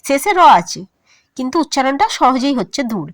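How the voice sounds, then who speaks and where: A woman teacher with a Bengali accent, explaining a grammar lesson to students in a slow, emphatic way, breaking words into syllables. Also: sits high, very animated, no echo.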